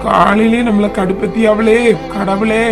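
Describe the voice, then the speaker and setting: A woman's voice: medium pitch, flat delivery, a little slow, music in the background, close to an everyday voice. A woman with a Kanyakumari Tamil accent playing a tired married son who pleads with his mother and defends his wife in a comedy skit. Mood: exasperated. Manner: exasperated and placating.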